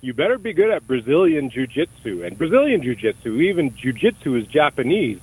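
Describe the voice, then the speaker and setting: Speaking briskly with big swings in his medium pitch, a middle-aged Canadian man sounds a little mellow with a breathy edge. He's a guest in a conversational interview, thinking aloud with many restarts and repeated words, captured in low quality.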